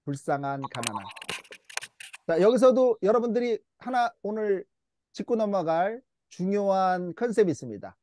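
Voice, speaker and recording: A man with a high, animated voice leads a church English Bible lesson, drawing out words and having the class echo them back. His tone is patient and coaxing. The sound is close and dry, with no room echo. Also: moderate pace. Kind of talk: church English lesson, call-and-response drills.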